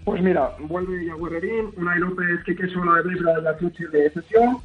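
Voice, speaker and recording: Brief: man reporter calling in over a tinny phone line, slightly high, quick, faint music underneath. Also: husky. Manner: rattles off lists of names quickly. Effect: tinny, crackly phone line. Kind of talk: quick radio sports report.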